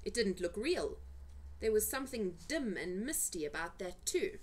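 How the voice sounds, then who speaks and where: On a low-quality recording with a little hiss or hum, a woman of medium pitch reads a children's story for her family. As an amateur storyteller, she builds drama and suspense and puts emphasis on particular words.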